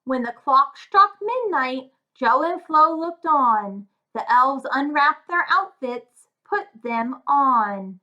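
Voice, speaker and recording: Reading a rhyming fairy tale to kids, this children's story reader and tutor uses a sing-song style and keeps asking her young audience questions. She speaks slowly in a high-pitched, bright, forceful voice with lively intonation. The audio has its highs cut off.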